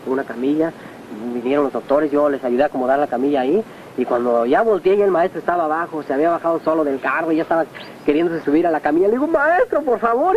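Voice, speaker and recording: A man with a Mexican Spanish accent recounting personal memories, acting out quoted speech as he tells the story. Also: fairly high pitch. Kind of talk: personal testimony. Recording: muffled 1980s tape with faint hiss.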